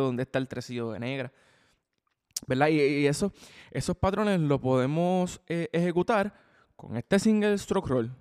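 A man's voice: medium pitch, darkish tone, clean tone. A man teaching drums on his podcast in a casual, chatty way, often repeating himself and checking in with the listener. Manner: chatty, repeats words and restarts phrases often. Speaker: drum teacher and podcast host. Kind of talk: casual spoken drum lesson. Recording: long hall reverb.

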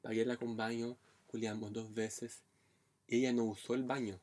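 A man with a Chilean Spanish accent, co-hosting a podcast, tells a crude, rambling comic story in a vulgar, animated way. His voice is mid-range and his pace moderate.

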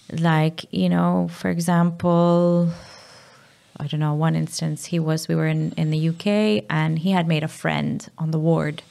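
Gravelly-voiced woman speaking frankly. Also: low-pitched, dark tone. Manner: open and frank, with frequent fillers and restarts. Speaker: guest, mother of a sick child. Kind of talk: candid conversational interview.

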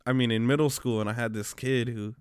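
A man co-hosting a casual podcast, telling stories in a relaxed, slangy way, with many restarts. His voice is smooth and clear, and it sounds close and dry, with no room echo. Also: medium pitch, brisk. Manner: laid-back, slangy storytelling with frequent restarts. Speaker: podcast co-host; special education teacher. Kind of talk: casual chat.

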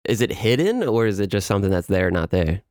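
A man's voice: lowish voice, sing-song, quick pace, a little mellow, no echo, studio quality. A man co-hosting a podcast, chatting casually and joking, full of "like" and "you know.". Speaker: podcast co-host. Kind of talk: casual chat.

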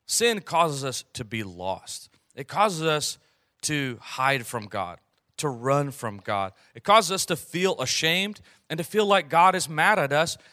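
Earnest man preaching with a bright voice. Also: on the high side, very animated, no echo, clean studio sound. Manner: earnest, slows down and softens on key phrases; frequent throat clearing and fillers. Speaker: pastor. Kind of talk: sermon with personal storytelling.

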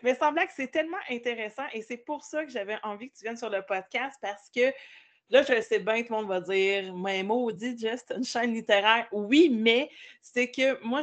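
A woman with a Québécois French accent hosting a podcast, chatting casually and affirming her guest often. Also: mid-range voice. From Quebec. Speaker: podcast host. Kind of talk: casual interview chat.

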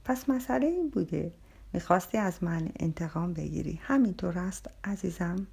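An upset middle-aged husband pleads and argues with rising urgency, as a woman reader puts him on. The voice stays husky and gravelly. It is an audiobook figure. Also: fairly low pitch, lively intonation, a little mellow, heavily acted. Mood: reproachful.

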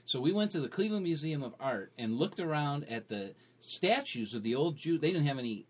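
Animated middle-aged storyteller, stammering. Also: male voice, on the high side, a little fast, husky. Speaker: church member telling his testimony. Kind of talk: casual storytelling interview.

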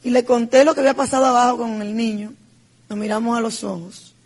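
Middle-aged woman, husky; heartfelt speaker telling her own story. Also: a little high, little pitch movement, fast talker, darkish tone. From Dominican Republic. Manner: heartfelt storytelling, emphatic and repetitive. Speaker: business speaker. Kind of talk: personal testimony speech.

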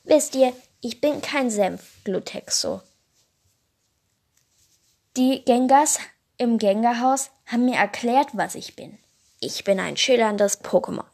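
A woman voicing a small, proud fire lizard creature who speaks slowly, plainly and with calm stubbornness in a storybook tale. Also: fairly high pitch, pitched above the performer's own voice, exaggerated voice.

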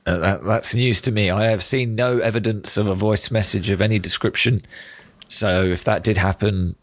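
A British man hosts a casual podcast in a deep, croaky voice. He sounds hoarse, as if nursing a winter throat. The recording is close and dry. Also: fairly even intonation, moderate pace, dry recording. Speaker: podcast host.

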